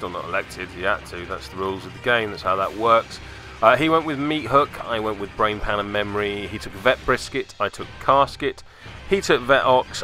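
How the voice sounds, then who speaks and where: A man with a fairly low, sharp-toned voice hosts a tabletop game web series. He delivers chatty voice-over commentary on the game footage that feels casual yet scripted, sprinkled with wry, cheeky asides.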